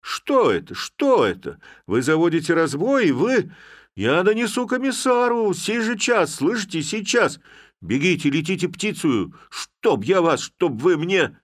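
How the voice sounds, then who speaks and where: A pompous old village headman in a storybook reading, blustering and shouting threats at his men, as a male narrator puts him on. His voice climbs high and loud in bursts. The sound is dry and close. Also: lively intonation, a little slow, no room sound. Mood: blustering rage.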